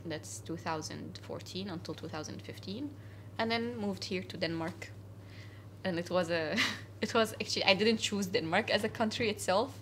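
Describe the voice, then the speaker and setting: A young Syrian woman's fairly low voice moves at normal speed, with slight background noise around her. She's a guest in a casual interview at an indoor cafe, speaking earnestly and often using fillers and restarting.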